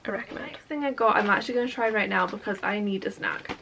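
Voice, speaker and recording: A woman's voice: medium pitch, fast, gravelly, a bit bright, slight background noise, low-quality recording. A young woman chatting casually through a product unboxing vlog, sometimes talking while eating. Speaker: vlogger.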